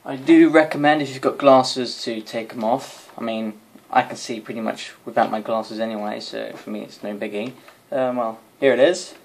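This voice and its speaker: A young adult vlogger gives a casual, rambling toy demonstration to the camera, sounding tired, recorded on a phone held at arm's length in a small bedroom. His voice is mid-range and gravelly, with fairly even intonation, a normal pace and few pauses. The mobile recording has faint noise and clicks.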